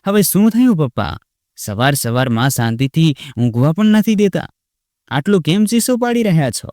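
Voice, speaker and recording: A man's voice: a little high, expressive, moderate pace, no room sound, studio quality, natural voice. A man doing a cold, sarcastic grown son.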